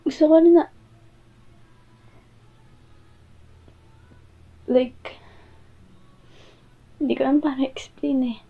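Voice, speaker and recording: A woman with a Filipino accent playing a hurt, jealous girlfriend in an audio role-play, pleading and halting as she confronts her partner. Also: sits high, steady tone, dark tone. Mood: tearful, pleading. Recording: muffled, phone-like audio.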